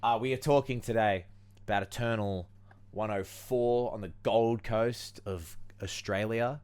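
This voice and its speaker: A man's voice: on the low side, a little slow, darkish tone, clean tone. A man co-hosting a podcast with casual, jokey banter and slangy phrasing. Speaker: podcast co-host.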